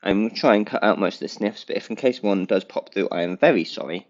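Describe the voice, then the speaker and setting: Speaking fast in a fairly low voice, a stuffy-nosed, sniffling man runs his podcast alone and chatters casually. He's goofy and playful, wandering off topic and fixing his own words as he goes, and the audio sounds dull.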